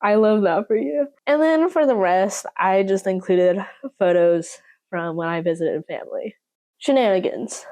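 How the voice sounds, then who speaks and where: A woman's voice: medium pitch, unhurried, a little mellow. A young woman with a slight Southern accent, chatting casually and playfully to the camera as a vlogger, often poking fun at herself. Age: young adult. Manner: chatty, playful, self-mocking.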